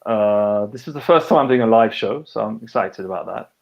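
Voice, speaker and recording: Speaking a little fast in a lowish, creaky voice, a half-British, half-French author and conservation biologist chats casually on a live video call. The highs are cut off, and his speech is full of fillers and restarts.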